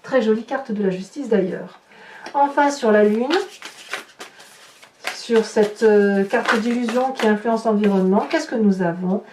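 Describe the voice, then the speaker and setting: The recording has an echoey room, a distant microphone and faint noise. In it, a tarot reader and horoscope host with a mid-range, darkish voice, speaking a little slowly, gives viewers an off-the-cuff reading, remarking on cards as she reveals them and tagging phrases with small interjections.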